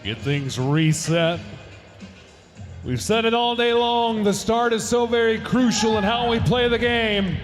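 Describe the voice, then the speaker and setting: A man's voice: very high-pitched, a little slow, faint music behind. A man announcing a rodeo live, calling the runs with rising energy and reading sponsor and event notices. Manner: energetic, swells to shouts on runs.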